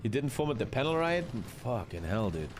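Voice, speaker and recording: Swearing streamer with lively pitch. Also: male voice, a little fast, noisy background. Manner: swearing, chatty, reading chat aloud. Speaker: game streamer. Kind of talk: live strategy game commentary. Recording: faint music behind.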